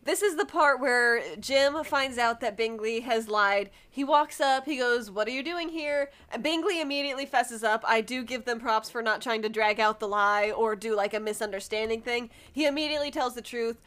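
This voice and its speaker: A woman's voice: on the high side, moderate pace, few pauses, fairly bright tone. A woman co-hosting a casual book podcast, recapping chapters bluntly and swearing freely. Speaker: podcast co-host. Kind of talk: casual book-club chat.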